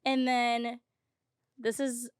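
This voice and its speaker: Twenty-something woman chatting on a podcast, kinda high voice, close dry mic. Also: little pitch movement, extremely slow, smooth, dry recording. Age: 20s. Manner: chatty, laughs often, says "um" and "like". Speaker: podcast guest. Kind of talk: casual chat.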